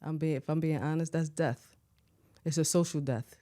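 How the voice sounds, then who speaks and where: An American woman from Philadelphia, a shoe designer, talking as a podcast guest in a relaxed, conversational way. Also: low-pitched, moderate pace. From Philadelphia, USA. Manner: relaxed, conversational, often asks "you know what I mean". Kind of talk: casual interview talk.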